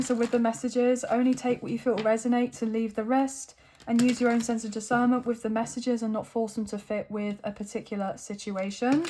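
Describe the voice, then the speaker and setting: On a phone recording, a woman with a slightly high, dark-toned voice that sounds croaky and tired from overuse gives a casual tarot reading to camera. She's easygoing and chatty, often ending sentences with quick check-ins like "okay" and "right."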